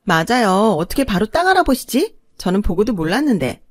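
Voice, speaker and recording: A woman voicing a spoiled, pregnant young sister-in-law who whines and pleads in a high, sly voice, in a dry recording. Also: very animated, fairly quick, dry recording. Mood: coy.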